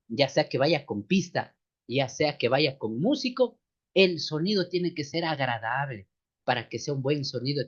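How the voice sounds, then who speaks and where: A man with a slight cold teaching a church music lesson, explaining step by step and calling his listeners sisters and brothers. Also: on the high side. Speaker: seminary teacher. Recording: dull lo-fi recording.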